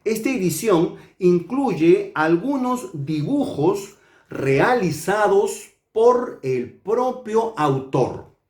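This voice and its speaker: A man from Peru, a literature teacher, reviewing a book in a slow, measured and deliberate way. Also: high-pitched, very animated, darkish tone, roomy sound.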